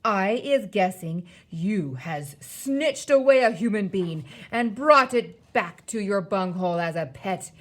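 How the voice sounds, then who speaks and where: A woman voicing a huge, gruesome male man-eating giant who booms thunderous shouts and insults in broken, childish grammar.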